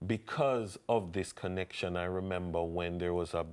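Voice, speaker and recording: This is a man with a very low voice, hosting in a TV studio. He asks his questions slowly, with plenty of ums and restarts. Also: a little mellow, clear, resonant tone. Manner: hesitant questioning with fillers. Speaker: morning show co-host. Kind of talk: TV studio interview.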